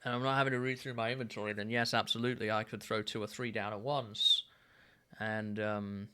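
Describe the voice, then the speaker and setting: A man in his thirties streaming a game, musing aloud in a relaxed way with plenty of fillers. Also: on the low side, fairly quick, clear, resonant tone. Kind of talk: casual gameplay commentary.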